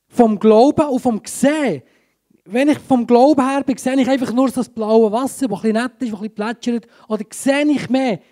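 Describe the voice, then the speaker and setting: A man with a Swiss German accent preaching a sermon in church, swinging between urgent emphasis and a hushed tone. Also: very high voice. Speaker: pastor. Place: church service.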